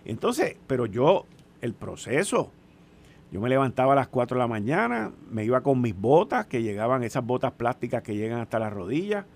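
A man in his sixties with a Puerto Rican accent, chatting casually and telling stories in an animated way, often putting questions to the listener. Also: medium pitch, normal speed. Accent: Puerto Rican Spanish. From Puerto Rico. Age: 60s. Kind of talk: casual storytelling chat.

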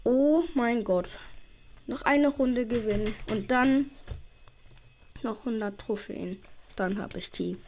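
A woman with a high voice gives live commentary on her gameplay. She is excitable, swears, uses youth slang and sometimes drops to a whisper as she plays. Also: takes it slowly, long pauses, slight background noise. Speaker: gaming channel host. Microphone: headset or desk mic.

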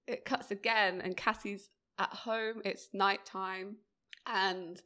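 Woman, podcast co-host, casual chat, lots of fillers, mid pitch. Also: steady tone, slow pace, sharp tone. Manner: easygoing, laughs often, many fillers. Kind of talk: casual chat recapping a TV episode.

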